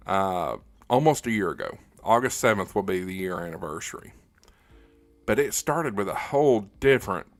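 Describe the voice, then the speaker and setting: A man with a lowish voice hosts a casual livestream, reading viewer comments aloud and answering in a rambling, conversational way as he thinks out loud. The recording has no echo.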